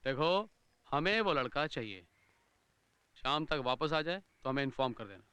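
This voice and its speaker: An actor playing a gangster who is polite but threatening. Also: male voice, mid-range voice, animated, normal speed, bright, forceful tone, smooth, no echo. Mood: menacing.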